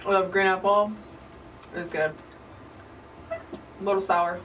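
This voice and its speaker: A woman's voice: medium pitch, steady tone, measured pace, fairly bright tone, slight background noise. A woman co-hosting a taste test, giving frank verdicts in casual chat while talking with candy in her mouth. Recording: distant mic with music behind.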